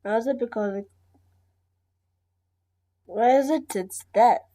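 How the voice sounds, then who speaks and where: A woman's voice: fairly high pitch, takes it slowly, warm tone. A woman reacting casually to a video, rambling and hesitant, often breaking into giggles.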